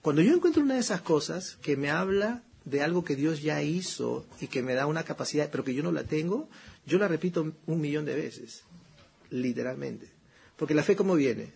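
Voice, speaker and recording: Husky and darkish, with vocal fry and lively intonation, this man's voice sits on the high side as he preaches a chatty sermon. Rhetorical questions, repeated phrases, and many "¿no?" asides fill his talk, and his prayer voice turns fervent, slow, and emphatic.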